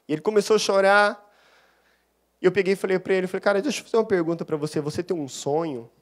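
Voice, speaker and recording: A man's voice: high voice, fast. A young adult man, a deacon giving a sermon built on personal testimony and acting out the dialogue as he tells it. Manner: animated storyteller, acts out dialogue. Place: church.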